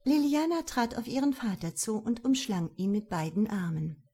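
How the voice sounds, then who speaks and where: A woman narrating a novel in an expressive, lively reading voice. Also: a little high, normal speed, husky. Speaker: audiobook narrator.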